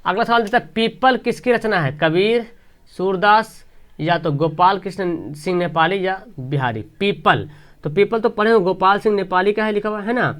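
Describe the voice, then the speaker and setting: A man's voice: normal speed, fairly bright tone. A man, teaching by reading out exam questions and options, repeating each point and dropping his voice on the answer. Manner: reads options then explains, repetitive, drops pitch on answers.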